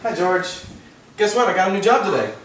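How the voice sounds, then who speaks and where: Woman acting as quick-talking father, very echoey room. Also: medium pitch, animated, close to an everyday voice. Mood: upbeat. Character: steady, cautioning father, a working man in wartime America. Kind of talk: amateur scripted period drama. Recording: very echoey, distant, noisy room with clicks.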